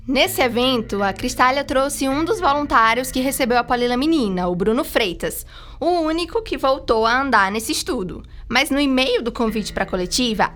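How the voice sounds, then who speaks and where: A Brazilian woman with a fairly high voice narrates a journalism podcast from a script. She keeps it informal and conversational, with music playing behind her. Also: a bit bright.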